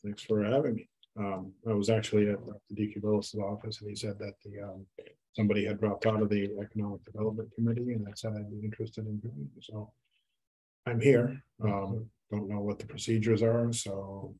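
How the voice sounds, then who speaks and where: A resident speaking at a committee meeting's public comment, plain and slightly unsure. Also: male voice, on the low side, little pitch movement, brisk, dark tone, breathy edge, poor audio.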